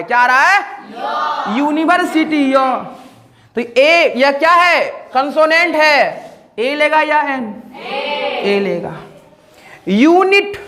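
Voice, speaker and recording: A man's voice: very high voice, bright, forceful tone. A man teaching an English grammar lesson, repeatedly asking the class questions and answering them himself.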